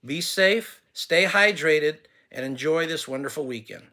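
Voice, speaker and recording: His voice a little high, pushed and bright, an English-speaking man gives an earnest, formal address to camera. His Spanish is halting and full of restarts, he switches over to English, and he finishes with blessings.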